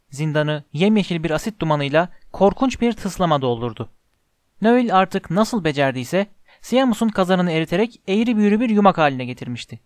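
A man narrates a storybook in a calm, measured audiobook reading. His voice sits on the higher side for a man. The recording is dry and close, with no room sound around it. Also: dry recording.

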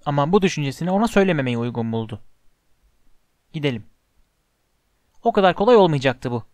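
A man reading a story aloud as narrator, in a steady, expressive way. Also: a little high, rapid-fire, no echo. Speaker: audiobook narrator.

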